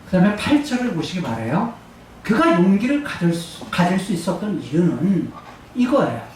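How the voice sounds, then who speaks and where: A woman pastor preaches a sermon in a church sanctuary, her fairly low, darkish voice very animated. She draws out emphatic phrases and calls for answers from the congregation in a call-and-response style. The recording is very echoey, from a distant mic in the church hall, with faint room noise.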